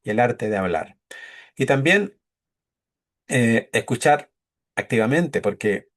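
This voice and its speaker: A man leads a leadership course in an easy, conversational lecture. His voice sits at an ordinary middle pitch. He keeps checking in with his listeners and acts out brief quoted exchanges to make his points. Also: expressive, takes it slowly, fairly bright tone. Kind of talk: classroom-style lecture.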